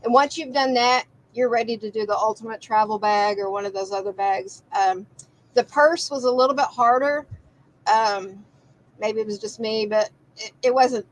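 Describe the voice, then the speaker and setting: A woman's voice: on the high side, moderate pace, poor audio. A woman hosting a live quilt shop broadcast, chatting casually and rambling with restarts. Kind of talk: casual live-stream chat.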